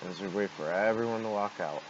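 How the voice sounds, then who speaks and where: A man's voice: fairly low pitch, brisk. Man commentating on a game, dull mic. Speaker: gameplay video host. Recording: dull noisy home microphone.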